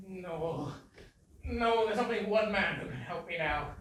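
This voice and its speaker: An actor plays a fretful, panicking playwright in a live stage comedy, with a bright, forceful voice. He is heard from a distance in a very echoey theatre, with faint clicks behind him. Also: medium pitch, expressive, unhurried, a little hiss or hum. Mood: anxious. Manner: anxious, fretful. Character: anxious, panicking William Shakespeare.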